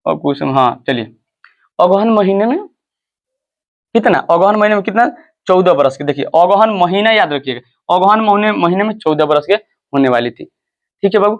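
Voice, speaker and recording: A man's voice: sits high, lively intonation, moderate pace, long pauses, muffled recording. A man who teaches a school story, often asking his listeners questions and then answering them himself.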